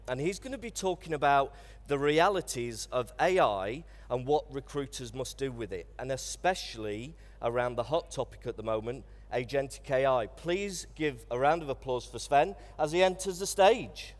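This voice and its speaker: A man hosting a conference stage, introducing the next speaker in a relaxed way with a few ums. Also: mid-range voice, normal speed. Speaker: stage host. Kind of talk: event introduction. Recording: reverberant hall.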